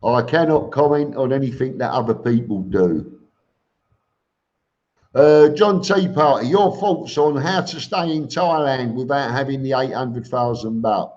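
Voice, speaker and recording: Slow-talking man, casual live streamer, dull audio. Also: medium pitch, darkish tone. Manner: informal and blunt, calls listeners mate. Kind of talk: casual live chat, reading out viewer comments and answering.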